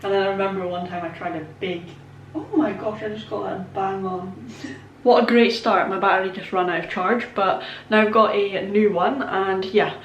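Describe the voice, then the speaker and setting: In a casual baking vlog, a twenty-something Scottish woman talks her way through the process, self-deprecating and full of likes and ums. Her mid-range voice holds a steady tone at a moderate pace. The off-mic capture from a distant camera in an echoey kitchen has the highs cut off and a little background noise.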